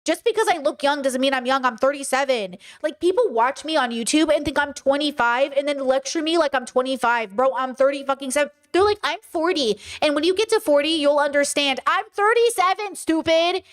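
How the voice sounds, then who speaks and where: High-voiced woman ranting bluntly. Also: fairly quick, hardly any pauses. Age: 30s. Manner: blunt, ranting, swears freely. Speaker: streamer host. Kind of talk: casual commentary on a stream.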